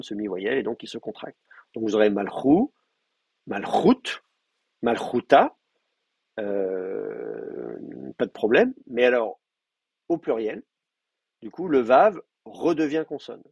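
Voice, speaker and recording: Husky-voiced man teaching a class. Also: lowish voice, sing-song, a little mellow, no room sound. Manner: explanatory, repeats forms slowly, many fillers. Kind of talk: university lecture.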